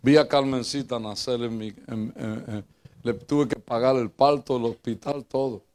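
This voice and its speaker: An older male pastor with a Puerto Rican accent preaches in a lively, joking way. His voice sits at an ordinary middle pitch, rising into loud bursts and dropping into low asides as he tells stories from his church. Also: normal speed. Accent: Puerto Rican Spanish. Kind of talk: humorous preaching with personal stories.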